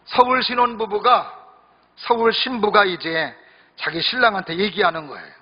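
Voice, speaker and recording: A man's voice: high voice, moderate pace, slightly rough. A male pastor preaching a sermon in a church during a worship service, talking conversationally, joking and speaking straight to the congregation. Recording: echoey hall, dull lo-fi sound.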